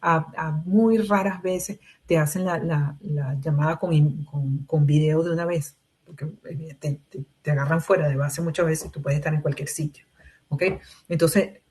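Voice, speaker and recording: Over a video call mic, a Venezuelan recruitment trainer hosts a live webinar on job interviews. Her voice sits low and darkish, with fairly even intonation at a normal pace, and she explains each step while frequently checking in with "¿ok?"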